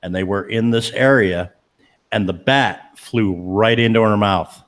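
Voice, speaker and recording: A man's voice: on the low side, measured pace, fairly bright tone. A man telling a ghost story in a laid-back, drawling way, with many fillers. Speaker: paranormal investigator. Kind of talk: casual storytelling.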